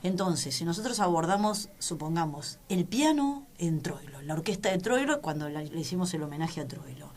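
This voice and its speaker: On a radio interview, this forty-something tango teacher and musician talks in a lowish, expressive voice with a darkish tone and a Rioplatense Argentine accent. Her speech is hesitant, with many restarts.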